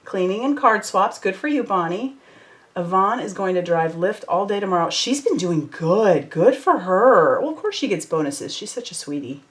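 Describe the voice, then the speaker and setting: A woman's voice: medium pitch, animated, normal speed. Chatty woman crafting live. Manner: chatty, reads out viewer comments, warm and effusive. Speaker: crafting livestream host. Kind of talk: casual live chat while crafting.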